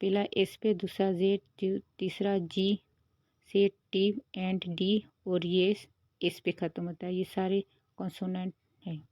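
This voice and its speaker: Woman teaching in a mellow voice. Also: mid-range voice, slow, dry recording. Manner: steady explanatory, mixing English terms into Hindi. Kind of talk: explaining a lesson.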